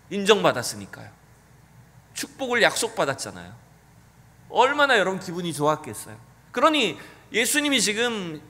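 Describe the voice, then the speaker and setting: A man's voice: on the high side, sharp tone. A male pastor preaching a sermon earnestly, asking the congregation rhetorical questions. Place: church sanctuary. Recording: church hall with long reverb.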